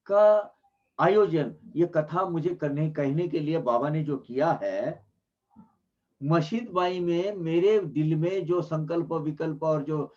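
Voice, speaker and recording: A man's voice: fairly high pitch, takes it slowly, a little mellow. A man giving earnest devotional commentary on scripture, explaining emphatically and often restarting his phrases. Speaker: religious discourse speaker. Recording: dull lo-fi recording.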